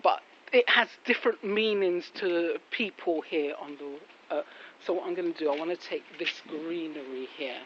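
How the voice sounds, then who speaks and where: Speaking at a normal speed in a low-pitched voice, this woman rambles through a casual walking vlog full of devotional thoughts and admiring exclamations. The handheld phone she walks with captures a rain-wet residential street. Traffic noise and muffling make the audio rough.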